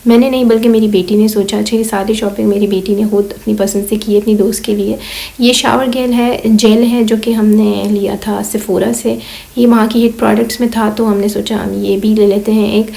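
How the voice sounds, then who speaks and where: A woman in her thirties from Pakistan, talking slowly through a casual vlog voice-over while hoarse and weak from illness, with many fillers. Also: mid-range voice, little pitch movement, warm tone, rough recording. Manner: slow, rambling, many fillers. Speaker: vlogger.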